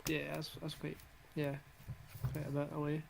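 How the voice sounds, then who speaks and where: A man's voice: fairly high pitch, monotone, normal speed, darkish tone. A man with a broad Glaswegian Scottish accent chatting casually on a live stream. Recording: clear background noise.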